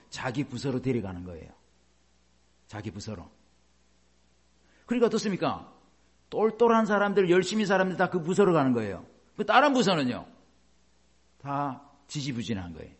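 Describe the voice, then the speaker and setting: A middle-aged man preaching a sermon as a pastor, animated, with many rhetorical questions. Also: mid-range voice, breathy edge.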